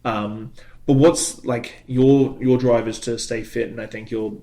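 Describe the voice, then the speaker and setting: A man's voice: medium pitch, fairly even intonation, unhurried, warm tone. A man in his thirties hosting a casual podcast, rambling chattily and laughing often. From not from Canada. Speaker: podcast host. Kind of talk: casual chat.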